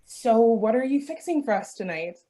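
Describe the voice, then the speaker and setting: An actress playing Janine, a gentle and unsure co-parent mother, in a play reading over a video call. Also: fairly high pitch, lively intonation, normal speed, natural voice. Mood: hesitant. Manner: warm-hearted, unsure of herself.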